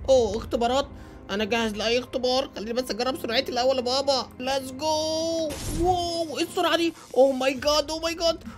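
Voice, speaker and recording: Brief: excitable Egyptian gaming host, high voice, racing delivery. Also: male voice, very fast, soft background music. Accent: Egyptian Arabic. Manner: excitable, exclamatory. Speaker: YouTube gamer host. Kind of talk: narrating a game movie.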